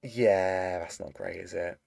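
A man's voice: low-pitched, steady tone, takes it slowly, creaky, a little mellow. A young man, telling a rambling story in casual chat over a voice call, full of fillers. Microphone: computer mic on a voice call.

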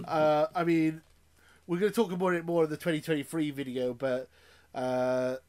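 A man's voice: on the high side, steady tone, a little slow, long pauses, darkish tone. A Welsh man co-hosting a gaming podcast in casual chat, laughing often and restarting his sentences. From Wales. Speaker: podcast co-host.

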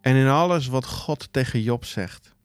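A man giving a devotional Bible retelling as a preacher, speaking in a slow, dramatic storytelling style with long pauses. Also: medium pitch, smooth, no echo.

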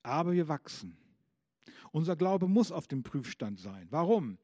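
A man's voice: fairly high pitch, very animated, unhurried, a little mellow, dry recording, studio quality. A man preaching a sermon, asking the congregation questions and reading out scripture with emphasis.

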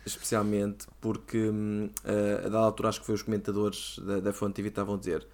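A man's voice: fairly low pitch, completely flat delivery, fast, a crowd in the background. A man with a European Portuguese accent, casually analysing races on a talk show. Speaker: motorsport talk show panelist.

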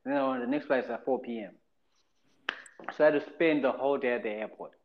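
A Zimbabwean man rattles off a story at a quick clip, voice in a middling register. He repeats himself for effect and slips into other people's voices as he tells it. The recording sounds a little dull and lo-fi. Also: medium pitch. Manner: animated, repeats phrases, acts out quoted voices. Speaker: podcast host. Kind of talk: casual storytelling chat.

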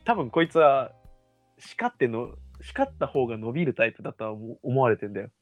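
A man's voice: mid-range voice, expressive, a little fast, no echo, faint music behind. A young man in casual podcast chat, playful and joking, laughing often and drawling slang greetings. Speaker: podcast co-host.

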